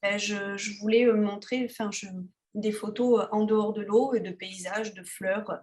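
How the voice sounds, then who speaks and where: A woman's voice: medium pitch, fairly even intonation, normal speed, darkish tone, a little hiss or hum. A woman photographer talking casually as an interview guest, hesitant, with many fillers and restarts. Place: Tahiti.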